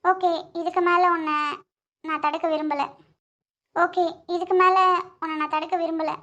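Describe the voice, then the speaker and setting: A woman's voice: very high voice, level tone, moderate pace, fairly bright tone, muffled recording, voice pushed down. A woman voicing a girl's inner conscience in a cartoon, questioning and reproachful. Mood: probing.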